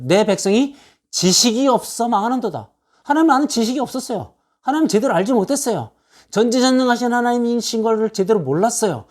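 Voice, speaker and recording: His voice very high with a darkish tone, a pastor works through an expository sermon by reading scripture verses out loud. Rhetorical questions and lists he keeps repeating carry his point.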